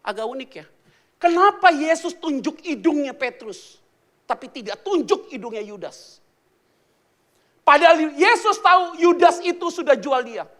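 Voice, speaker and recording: Lively high-voiced pastor preaching casually. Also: male voice, a little slow. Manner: playful, acts out quotes, swings from hushed to loud. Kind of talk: casual sermon.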